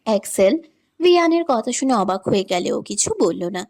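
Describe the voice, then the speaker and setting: A woman reading a romance story in scripted narration, with steady, even storytelling. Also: mid-range voice, a little fast, vocal fry.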